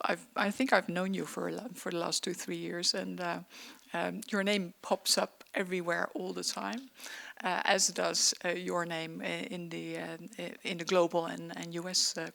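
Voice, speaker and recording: Woman moderator with a gravelly edge. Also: fairly low pitch, fairly bright tone. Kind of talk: moderated panel discussion.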